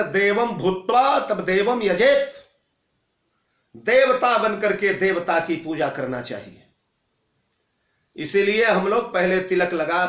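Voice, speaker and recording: High-voiced slow male preacher. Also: fairly bright tone, roomy sound. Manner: emphatic, chanting verses. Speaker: religious storyteller.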